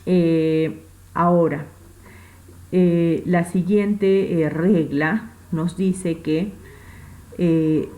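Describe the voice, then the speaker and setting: A woman from Peru with a Peruvian Spanish accent teaches a recorded English grammar class, her deep voice carrying a darkish tone. She patiently repeats points and checks that students are following. The recording is low quality, with a slight hiss or hum.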